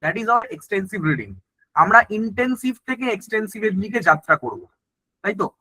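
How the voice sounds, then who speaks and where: A man's voice: high-pitched, sing-song, moderate pace, pushed and bright, dry recording, low-quality recording. A man teaching an exam-prep lesson. He explains in Bengali mixed with English terms and keeps checking that the class is following.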